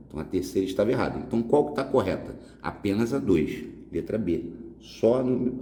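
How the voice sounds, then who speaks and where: Dark-voiced teacher in echoey room. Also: male voice, mid-range voice. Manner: explains step by step, asks himself questions and answers them. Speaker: exam prep teacher. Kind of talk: casual Portuguese grammar lesson. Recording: echoey room with long reverb.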